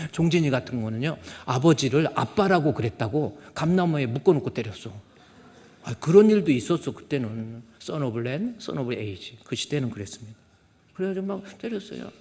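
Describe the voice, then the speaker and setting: An older man preaching a sermon as a pastor, telling stories and acting out shouted quotes. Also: medium pitch, lively intonation, fairly quick. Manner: storytelling, acts out shouted quotes. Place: church sanctuary. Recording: church hall reverb.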